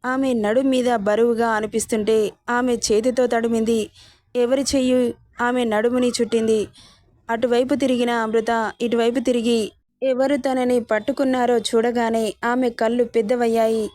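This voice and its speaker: Fairly high-voiced woman narrating a story. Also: little pitch movement, moderate pace, a little mellow, no echo.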